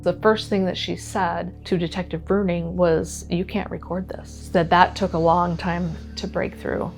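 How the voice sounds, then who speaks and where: Earnest middle-aged woman, lowish voice. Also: a little mellow. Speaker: parent giving a testimonial. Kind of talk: documentary interview testimonial.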